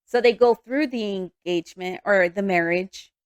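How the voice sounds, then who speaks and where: A woman in her thirties co-hosting a casual chat, talkative and agreeable, quick to laugh. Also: mid-range voice, clean tone, dry recording. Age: 30s. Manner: chatty, agreeing often, laughing easily. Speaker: podcast co-host.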